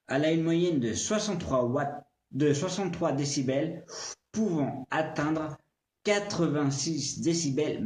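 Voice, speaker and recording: A man's voice: a little high, darkish tone, roomy sound. A man casually reviewing a small speaker on a livestream, chatty and playful, talking straight to the viewer. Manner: chatty and playful, addresses viewer with tu, occasional swearing. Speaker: tech reviewer.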